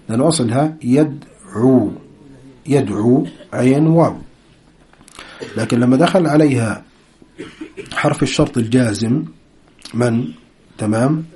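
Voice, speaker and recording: A man teaching grammar, asking his own questions, answering them and repeating key terms, often clearing his throat. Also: mid-range voice, mellow. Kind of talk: explanatory lesson with quiz questions.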